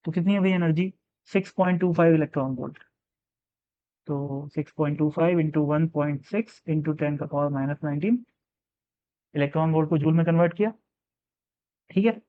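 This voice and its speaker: A man teaching a physics exam problem step by step, reading the question slowly and then explaining it casually, often asking and answering his own questions. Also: a little high, phone-quality sound.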